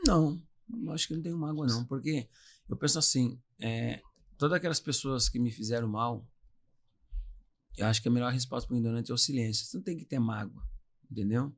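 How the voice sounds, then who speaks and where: A former footballer with an inland São Paulo accent, his voice mid-range and fairly quick, appears as a podcast guest. In a casual chat he tells funny stories from his playing days, laughing his way through each anecdote.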